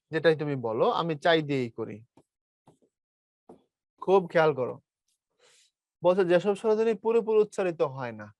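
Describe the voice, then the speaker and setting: A young male teacher from Bangladesh gives an online class lecture in Bengali with a light Brahmanbaria accent. His fairly high voice is captured dry and close as he patiently explains step by step, calls students "brother," and models sounds aloud.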